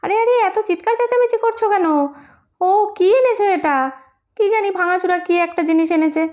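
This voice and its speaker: Bossy young mother for a doll-play story, voiced by a woman; scolding, high voice. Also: steady tone, fairly quick, a little mellow. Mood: fussing. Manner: scolding, fussing.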